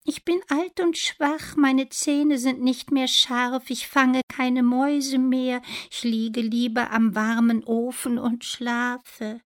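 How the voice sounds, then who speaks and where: A woman's voice: high voice, fairly even intonation, takes it slowly, hardly any pauses, pitched above the performer's own voice. A woman voicing an old, weak, gloomy cat in a storybook reading, with a sighing, doubtful manner.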